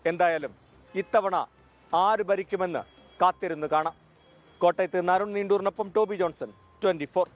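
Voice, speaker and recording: A man reporting a news package as scripted voice-over, in a measured, emphatic delivery. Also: sits high, steady tone.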